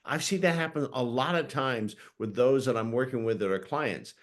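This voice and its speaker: A man's voice: mid-range voice, normal speed. A man hosting a video call as a coach, talking to the audience in an earnest, encouraging way. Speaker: host, coach. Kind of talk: motivational talk on a video call.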